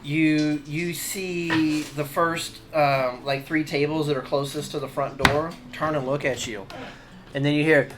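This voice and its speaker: A man's voice: on the high side, steady tone. Male game master, narrating in fits and starts, lightly raised voice, faint noise behind. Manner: halting, many fillers and restarts. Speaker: dungeon master.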